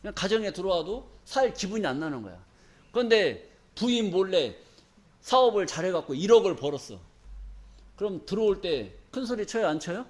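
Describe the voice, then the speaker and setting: A male pastor preaches a folksy, emphatic sermon in church, often putting call-and-response questions to the congregation. His high voice is very animated and a little fast.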